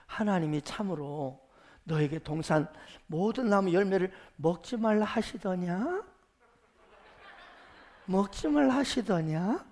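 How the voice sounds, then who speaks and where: A pastor voicing a sly, friendly devil who coaxes in a soft, persuasive way. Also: male voice, extremely high pitch, big pitch swings, unhurried, voice pushed up, exaggerated voice. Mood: sweetly coaxing. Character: sly coaxing male devil tempter, friendly and sweet.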